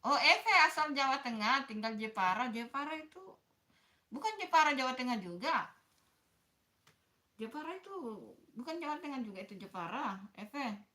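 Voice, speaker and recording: A woman's voice: high voice, expressive, moderate pace, long pauses, pushed and bright. A woman hosting a casual livestream, chatting with viewers, greeting them by name and apologizing often. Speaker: livestream host.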